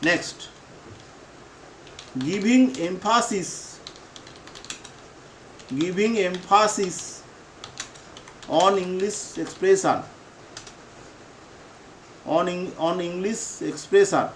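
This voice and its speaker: A man with a fairly high voice teaches a spoken English lesson at a slow, deliberate pace. Bengali is his first language, and he repeats each phrase so his learners can follow. A faint hum sits behind the recording. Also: reverberant, low-quality recording.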